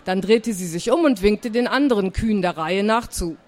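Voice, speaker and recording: A woman's voice: mid-range voice, moderate pace. Woman author, chatty, reads her own children's book aloud to kids. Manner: chatty, addresses young listeners. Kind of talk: author talk and reading aloud.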